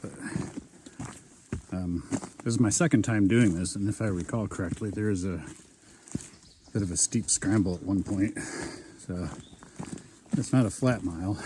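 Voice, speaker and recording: Guy with a lowish voice rambling on a hiking vlog, trail noise clearly in the background. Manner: relaxed, rambling with many ums. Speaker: hiking vlogger. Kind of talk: casual vlog narration. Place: outdoors on a wooded mountain trail. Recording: outdoor noise behind.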